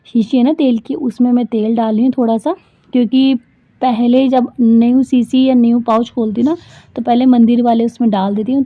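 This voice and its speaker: A woman's voice: a little high, dry recording. A woman in her thirties, a vlogger and homemaker, talking in a chatty, rambling way full of fillers as casual vlog voice-over. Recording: dry, thin phone-like sound.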